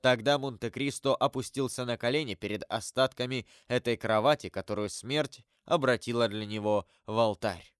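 A man narrating an audiobook in a steady, measured reading voice. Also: mid-range voice, clean tone, no echo, studio quality. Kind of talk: scripted narration.

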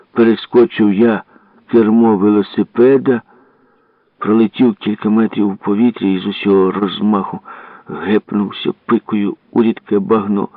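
A man reads a first-person story aloud with animated, dramatic delivery. His voice is fairly low and dry. It comes through a narrow, phone-like radio broadcast. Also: no echo. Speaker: narrator. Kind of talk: expressive story reading.

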